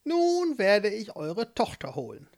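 A woman's voice: mid-range voice, wildly swooping pitch, slow, a little mellow, voice pushed up, heavily acted. A woman voicing a sly, smug old witch in a children's story.

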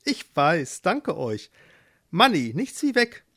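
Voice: mid-range voice, big pitch swings, takes it slowly, a bit bright, voice pushed up, heavily acted. A storyteller voicing a worried, timid working man who speaks in an anxious, pleading way, for a children's storybook. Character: worried, timid male worker.

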